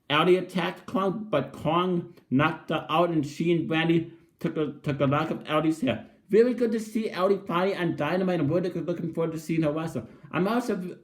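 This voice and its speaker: Higher-voiced man, halting wrestling recap. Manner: halting, repeats and restarts phrases often. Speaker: wrestling show reviewer. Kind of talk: casual spoken episode recap and review.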